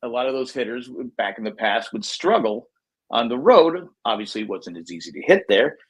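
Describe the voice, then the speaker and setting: A man with a mid-pitched, slightly husky voice co-hosts a casual baseball chat. He rambles and restarts his sentences, repeating words as he vents about his team's hitting like a frustrated fan. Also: lively intonation, fairly quick, poor audio. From United States. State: has the hiccups. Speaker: co-host of a baseball podcast.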